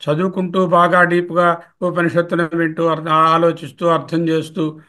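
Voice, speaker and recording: A man's voice: high voice, pushed and bright. A man explaining a Sanskrit hymn verse by verse in a lecture, asking questions and answering them himself. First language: Telugu. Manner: repeats verse words slowly, glossing each. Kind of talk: scholarly commentary lecture.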